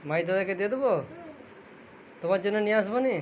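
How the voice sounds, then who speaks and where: A young father coaxing and pleading with his small daughter in a gentle sing-song way. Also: high-pitched, racing, dull audio. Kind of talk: coaxing talk to a small child.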